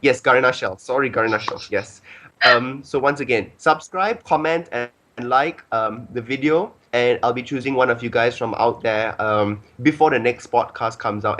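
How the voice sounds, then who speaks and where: A man's voice: medium pitch, fairly bright tone. A man hosting a casual podcast, rambling with many ums and filler phrases. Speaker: podcast host.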